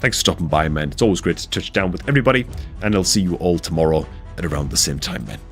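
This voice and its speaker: A man chatting casually on a live game stream, laid-back and full of "man" and "dude", his voice congested and a bit rough from a cold. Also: deep voice, expressive, fast talker, faint music behind.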